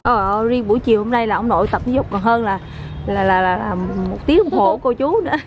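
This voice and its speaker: Woman, high voice, playful family vlog host, street noise behind. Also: lively intonation, quick pace, highs cut off. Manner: playful, coaxing children, asides to viewers. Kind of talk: casual family vlog chat.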